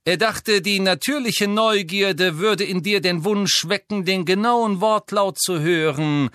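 A man voicing a cold, sneering aristocratic wizard villain with a slow, menacing drawl in an audiobook reading. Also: high-pitched, fairly bright tone, clean tone, no room sound, clean studio sound, voice pushed up.

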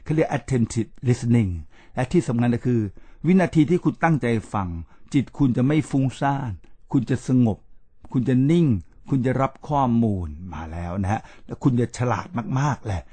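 Male podcast host, dark mellow tone, dry close sound, preachy motivational delivery. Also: mid-range voice, lively intonation, slightly rough, no room sound. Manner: emphatic, slow repetitions, addresses listeners directly. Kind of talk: motivational talk to listeners.

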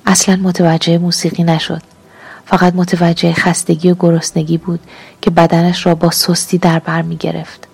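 A woman reading literary fiction aloud as an audiobook narrator, calm and measured, at times half-whispered. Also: fairly low pitch, vocal fry, husky.

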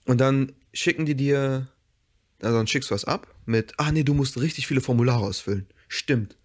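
A man's voice: medium pitch, normal speed. A young man chatting on a podcast with friends. He tells his story casually, breaking into laughter and acting out what everyone said. He talks in slang and swears freely. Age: young adult. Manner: laughs often, acts out dialogue with swearing and slang.

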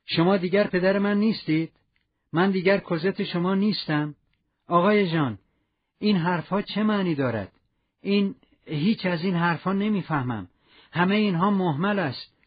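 A man's voice: high voice, breathy edge, voice pushed up. Man doing young woman, pleading, reproachful, affectionate, storybook reading, dull lo-fi sound. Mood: bewildered. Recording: dull lo-fi recording.

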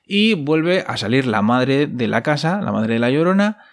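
A man's voice: medium pitch, big pitch swings, moderate pace. A young man, recapping a series casually with wry, ironic asides. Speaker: host.

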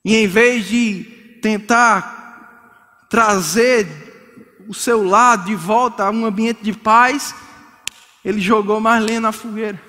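A man, a pastor preaching a lively sermon to couples, joking and acting out quarrels. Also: high-pitched, slow, pauses often. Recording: long hall reverb.

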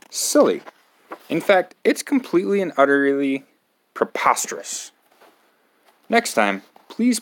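A man with a mid-range voice hosts storytime, reading a picture book aloud to children. His delivery is theatrical and exaggerated.

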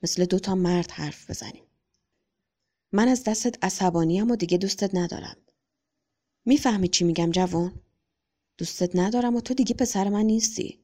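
Stern lawyer father, measured scolding, storybook reading by a woman, dark voice. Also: mid-range voice, natural voice. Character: stern lawyer father, lecturing his son.

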